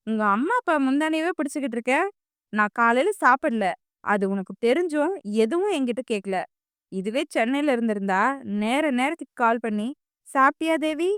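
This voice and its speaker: A woman's voice: on the high side, clean tone, no room sound, clean studio sound, lightly acted. A woman voicing a possessive, scheming teenage girl who snaps and accuses in an audiobook. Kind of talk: audiobook character voice.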